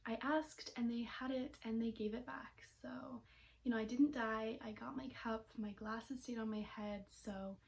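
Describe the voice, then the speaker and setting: A woman's voice: fairly high pitch, steady tone, normal speed, creaky. A young woman telling a story in a casual vlog, chatty and rambling with lots of fillers. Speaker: vlogger.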